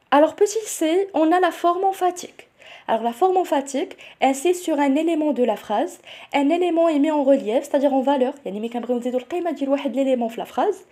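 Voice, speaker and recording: A young woman with a Moroccan accent teaching a grammar lesson for an exam. She mixes French with Moroccan Arabic, explains each point step by step and keeps asking if it is clear. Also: high-pitched, mellow. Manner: switches between French and Moroccan Arabic, checks in with "c'est bon?". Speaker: teacher preparing students for nursing school entrance exams.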